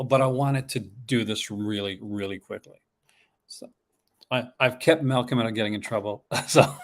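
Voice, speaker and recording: A man with a Newfoundland Canadian accent hosting a casual horror collecting chat in an excitable, rambling, chuckle-prone way. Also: medium pitch. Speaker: horror movie collecting channel host.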